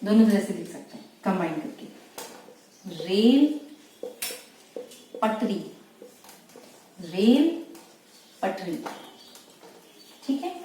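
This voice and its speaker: A woman teaching shorthand, slowly and patiently explaining each word. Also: medium pitch, very animated, mellow. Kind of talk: slow dictation-style shorthand lesson. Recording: echoey room, mic far off, faint noise.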